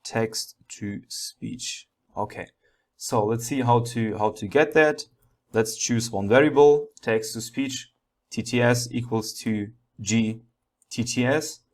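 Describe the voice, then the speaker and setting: A man's voice: medium pitch, a little slow. A man giving a step-by-step programming tutorial, thinking aloud and often checking in with a short okay.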